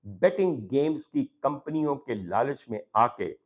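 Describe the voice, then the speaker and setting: With a Pakistani accent and a mid-range voice that is animated but a little slow, the host of a talk programme addresses viewers formally. He delivers an opinion monologue on social issues, stressing points by repetition and posing rhetorical questions.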